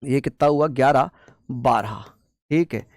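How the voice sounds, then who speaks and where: A man's voice: mid-range voice, measured pace, no room sound. A male coaching teacher who drills his students by firing questions and answering them himself, mixing in jokey memory tricks and mock scolding. His voice sits in an ordinary middle register and is recorded dry and close, with no room sound. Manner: playful, jokey mnemonics with scolding asides. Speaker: exam-prep teacher. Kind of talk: online coaching class lesson.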